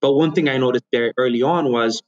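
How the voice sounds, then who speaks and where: A man in his thirties from Ethiopia, whose first language is Amharic, speaks as a guest in a thoughtful, measured way. He often restarts his phrases as he gathers his thoughts. The audio is slightly dull and lo-fi, as if from a remote recording. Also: medium pitch. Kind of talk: conversational interview.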